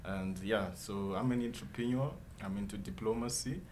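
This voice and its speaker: A young man, giving a studio interview. His voice sits fairly low, and he speaks earnestly and emphatically, often checking in with his listener. A faint hum of ambience lies under his voice. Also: fairly even intonation, normal speed, darkish tone. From Zimbabwe. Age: 20s. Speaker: guest entrepreneur. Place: radio studio.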